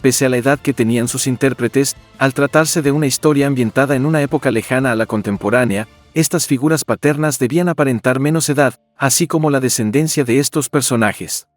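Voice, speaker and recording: Male narrator, medium pitch, formal scripted explainer delivery over light music. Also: brisk, few pauses. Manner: formal, expository. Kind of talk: scripted documentary-style narration. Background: background music.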